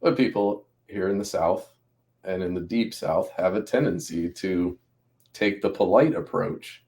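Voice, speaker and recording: A man hosting a podcast, from the Mid-Atlantic US, with a very low voice. He asks his questions in a measured, conversational way and adds the odd joking aside. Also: darkish tone. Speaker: podcast host. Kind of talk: interviewer questions.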